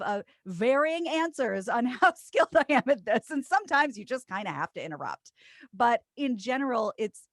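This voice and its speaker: A woman in her thirties, a radio co-host and voiceover artist, chatting as a guest with self-deprecating asides in a trained low broadcast voice. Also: no echo, studio quality. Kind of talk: casual interview chat.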